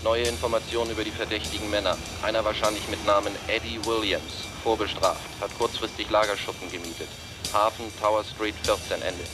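A clipped police dispatcher heard over the radio in a 1970s TV film. The voice sits low and stays almost level. Each report is short and formal, with music playing behind it. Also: male voice, steady tone, a little fast. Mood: businesslike.

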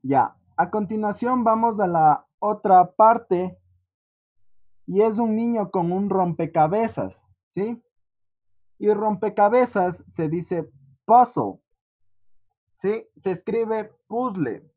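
A teacher leads an online class at an unhurried pace, pausing to check in with a questioning "¿sí?". The voice comes through a computer mic on muffled, lo-fi audio. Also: medium pitch, darkish tone. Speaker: English teacher.

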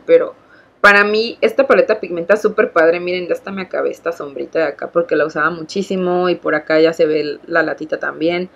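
A woman's voice: lowish voice, a bit bright. A young woman with a Mexican accent reviewing makeup products in a casual, enthusiastic vlog, often repeating words for emphasis. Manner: enthusiastic, gushing, repeats "muy, muy". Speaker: beauty vlogger.

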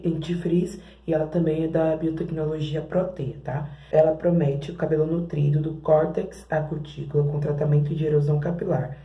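A low-voiced woman with a Brazilian Portuguese accent vlogs from her bathroom while trying out hair products, keeping up a chatty stream of "gente" to her audience. The recording sounds roomy, its high frequencies cut off.

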